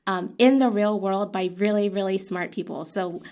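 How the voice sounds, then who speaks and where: A woman co-hosts a science podcast in a friendly, upbeat way. She uses plenty of fillers and restarts as she sets up the topic. Her pitch sits in the middle range for a woman. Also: moderate pace, a little mellow. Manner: upbeat, lots of fillers and restarts, laughs often. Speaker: podcast co-host. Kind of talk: conversational podcast hosting.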